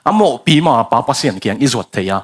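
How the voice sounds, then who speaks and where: A man preaching a sermon, building emphasis and dropping in English phrases. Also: quick pace.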